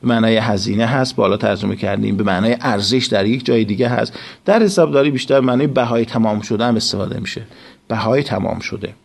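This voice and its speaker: Man teaching English slowly. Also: lowish voice, vocal fry, husky. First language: Persian. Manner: slow, deliberate reading of English phrases, then explains in Persian. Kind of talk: recorded class lesson.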